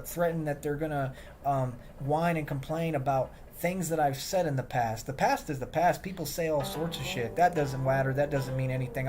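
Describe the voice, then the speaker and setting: A man talking on a livestream, boastful and defensive, repeating himself as he rambles. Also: mid-range voice. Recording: loud music behind the voice.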